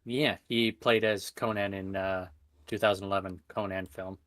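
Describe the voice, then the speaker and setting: A man's voice: low voice, fairly even intonation, moderate pace, a bit bright, dry recording, studio quality. A man on a casual voice chat who talks in an opinionated, emphatic way. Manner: opinionated, emphatic movie fan. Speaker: streamer.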